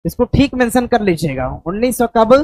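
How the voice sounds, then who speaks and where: Coaching teacher, woman, brisk quiz review with lots of check-ins; slightly high pitch, dry sound. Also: sing-song, dark tone, no echo, poor audio. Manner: quizzing students, frequent check-ins.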